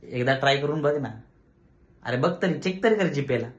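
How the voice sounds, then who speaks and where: A man's voice: mid-range voice, moderate pace, lo-fi sound, heavy background noise. A man in a comedy sketch, pushily coaxing and teasing a friend who says he has no money.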